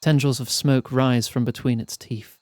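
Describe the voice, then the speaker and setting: A man streaming a fantasy role-playing game, reading its text aloud in measured storytelling style and chatting between passages. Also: mid-range voice, steady tone, darkish tone, no echo, studio quality.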